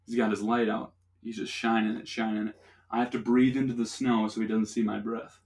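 A man's voice: lowish voice, fairly quick. Young man telling a profane story. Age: young adult. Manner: profane, animated storyteller who laughs often. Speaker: podcast host. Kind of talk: casual storytelling chat.

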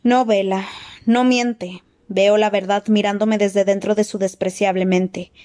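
Brief: woman voicing a quiet, icy male villain, slow and deliberate, audiobook. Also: mid-range voice, steady tone, natural voice. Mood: cold menace. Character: cold, cruel, softly spoken male dark lord.

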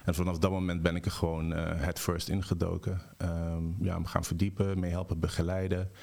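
A man from the Netherlands, a shaman guest, telling his story at length in a relaxed way and mixing English words into his talk. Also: deep voice, fairly quick, gravelly. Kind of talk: storytelling in a podcast interview.

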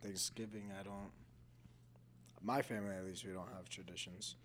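A young man co-hosting a casual chat over a meal, joking and quick to laugh. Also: low voice, little pitch movement, noisy background. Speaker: podcast co-host.

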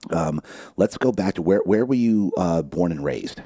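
Host: man, emphatic and encouraging, very deep dark voice, dry recording. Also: expressive, normal speed, husky, no echo. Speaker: talk show host. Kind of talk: interview conversation.

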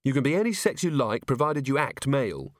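A man's voice: mid-range voice, big pitch swings, fairly quick, no echo, close to an everyday voice. A man voicing a frank, dry-witted young policewoman in a lightly raised, matter-of-fact voice. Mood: wry, frank.

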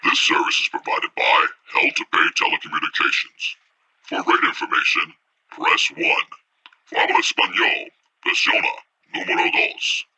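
A man voicing an automated collect-call operator from hell, heard as a recorded message over a phone line, in a slow, formal, scripted manner. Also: low voice, bright, forceful tone, recorded from a distance, faint music behind, heavily acted.

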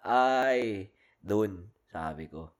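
A man with a Filipino accent trades stories on a casual podcast. His voice sits fairly low but rises and falls a lot. He slips between Tagalog and English and laughs easily as he goes. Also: animated, drawn-out words. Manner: storytelling with Taglish code-switching, laughing often. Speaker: podcast co-host. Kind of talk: casual chat.

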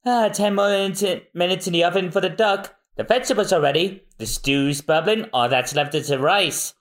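A man's voice: sits high, normal speed, pitched above the performer's own voice, lightly acted. A man voicing a cheerful woman cooking at home, chatty and pleased with herself. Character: cheerful woman, a home cook, proud of her sauce.

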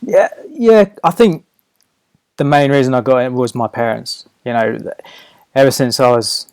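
A man's voice: medium pitch, unhurried, clean tone, dry recording. A man from southern England with a Home Counties accent, answering casually in an interview in short, hesitant, unassuming phrases. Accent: southern English, Home Counties. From Hertfordshire, England. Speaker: podcast guest, aviation photographer.

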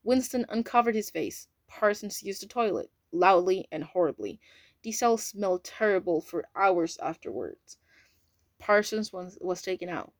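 Lady reading a novel out loud, casual, a few slips, dry close sound. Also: medium pitch, expressive, unhurried, no echo. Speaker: audiobook reader. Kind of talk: audiobook narration.

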